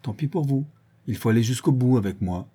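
A man's voice: mid-range voice, lively intonation, fairly quick, mellow, breathy edge. A man voicing a drunk, mocking middle-aged villain who taunts his captive in an audiobook. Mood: cold threatening. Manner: sneering, jovial, taunting. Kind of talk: audiobook character voice.

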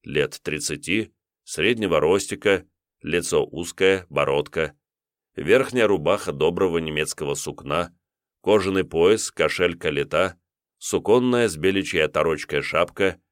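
Male audiobook narrator, very deep voice, lively expressive reading, dry close sound. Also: a little slow, no echo. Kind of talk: scripted narration.

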